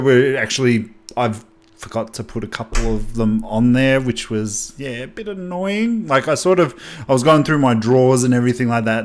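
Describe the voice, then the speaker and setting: Excitable, rambling man. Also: mid-range voice. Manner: excitable, rambling with frequent restarts and self-corrections. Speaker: gaming channel host. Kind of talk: casual game haul chat.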